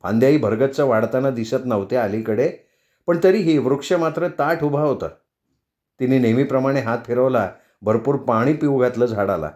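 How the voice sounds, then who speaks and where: A man reading a novel aloud as audiobook narrator, in a measured, even way. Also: medium pitch. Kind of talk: scripted storybook narration.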